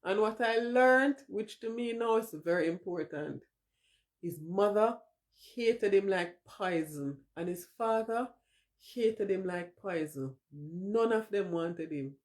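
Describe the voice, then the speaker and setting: Jamaican lady in her 40s chatting on a live stream, mid-pitched, talks straight to her viewers. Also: lively intonation, slow pace. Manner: emotional, switches into patois, talks to viewers in chat. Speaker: livestream host. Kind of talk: casual livestream chat.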